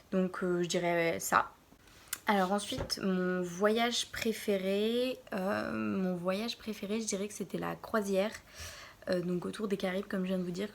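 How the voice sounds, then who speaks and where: Woman, early 20s, from Normandy, casual vlog host; low-pitched with a gravelly edge, hesitant delivery. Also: a little hiss or hum. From France, Normandy. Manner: hesitant, pauses often to think. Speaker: vlogger. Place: her bedroom.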